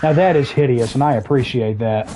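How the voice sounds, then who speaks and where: A game streamer chatting casually over gameplay, explaining mechanics with dry jokey asides, throat a bit rough with the odd cough. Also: medium pitch, brisk, mellow, a little hiss or hum. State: throat trouble, occasional coughing.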